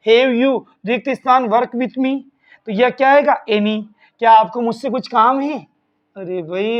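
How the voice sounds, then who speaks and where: A man's voice: very high voice, muffled recording. A middle-aged man teaching an exam-prep grammar lesson, talking emphatically and often asking a question before he gives the answer himself.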